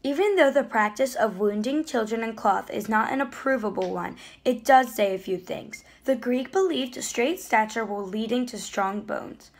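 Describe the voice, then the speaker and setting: A woman's voice: fairly high pitch, lively intonation, moderate pace, hardly any pauses. A teenage girl earnestly reading explanatory narration for a school history project. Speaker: student narrator.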